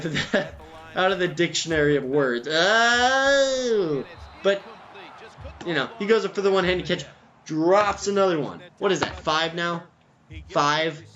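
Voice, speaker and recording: A man's voice: on the high side, a bit bright, lo-fi sound. A man giving casual, rambling commentary over a video game, full of ums and side tangents, recorded at home. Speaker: gameplay commentator. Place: at home, neighbor's music nearby.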